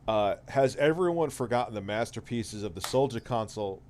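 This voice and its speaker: A man's voice: medium pitch, a little fast, slight background noise. A man in his forties hosting a casual livestream chat, reading viewer messages and ranting with lots of swearing. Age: 40s. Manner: swears a lot, animated rants.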